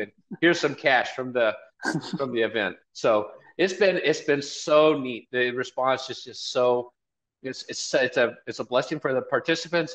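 A mid-range, slightly bright voice belongs to a man in his fifties who directs marketing for a college and organizes events. He's an earnest guest in a casual video-call interview, frequently repeating phrases, in a small indoor office over dull, lo-fi call audio.

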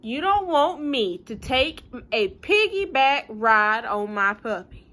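A woman voicing an excitable, pleading, stubborn storybook pigeon, exclaiming and wheedling with emphasis. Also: sits high, slow pace, heavily acted. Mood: indignant. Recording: home recording with light room noise.

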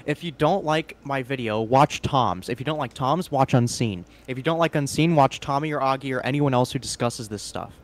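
A man hosting a stream, reading a long statement aloud and breaking off into crude, excitable remarks. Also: mid-range voice, a little fast, hardly any pauses. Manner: crude, excitable, cuts in with loud outbursts. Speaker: stream host.

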